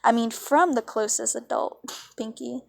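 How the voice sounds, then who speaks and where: A young woman reads fan fiction aloud casually, adding informal, self-deprecating, giggly asides. Her voice is on the high side, gravelly, and a little slow, in a dry, close phone recording with no room sound.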